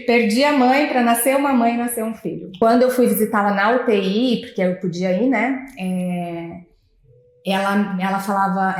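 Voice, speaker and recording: A woman on a podcast, a mother talking about grief in a soft, reflective and intimate way. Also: mid-range voice. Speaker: mother sharing her grief. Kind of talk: podcast interview. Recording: echoey room.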